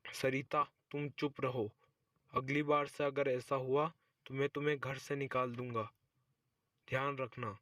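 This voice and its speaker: A man voicing a stern young husband and son in a cartoon story, commanding and quick to scold. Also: mid-range voice, flat delivery, a bit bright, no room sound, clean studio sound, lightly acted.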